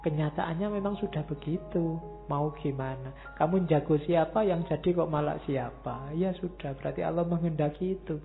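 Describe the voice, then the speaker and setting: A man's voice: on the high side, moderate pace, gravelly. A man giving a casual philosophy lecture, chatting with his audience and asking rhetorical questions. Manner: conversational, asks the audience rhetorical questions, homely examples. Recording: tinny lo-fi recording with faint music behind.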